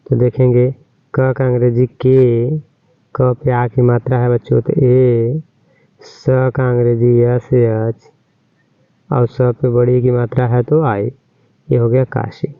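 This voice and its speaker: A man's voice: mid-range voice, completely flat delivery, takes it slowly, smooth, no room sound. A man teaching children to spell names, drawing out each syllable and often checking that they understood. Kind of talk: slow, spelled-out lesson. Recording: tinny phone-like sound.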